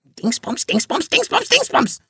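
A man reading an audiobook, voicing a rude, foul-mouthed caged parrot with a shrill, screeching voice. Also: sing-song, measured pace, vocal fry, bright, forceful tone, dry recording, clean studio sound, full character voice. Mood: sulky. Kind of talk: audiobook character voice.

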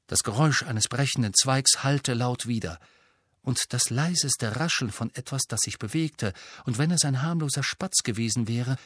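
A man narrating an audiobook in a steady storytelling manner. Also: mid-range voice, no room sound, studio quality. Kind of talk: scripted narration.

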